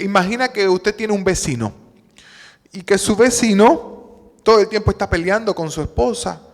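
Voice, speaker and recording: A man with a Puerto Rican accent preaching a sermon, telling a story and acting out its dialogue in a calm voice. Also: sits high. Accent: Puerto Rican Spanish. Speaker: pastor. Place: church hall. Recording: long church-hall reverb.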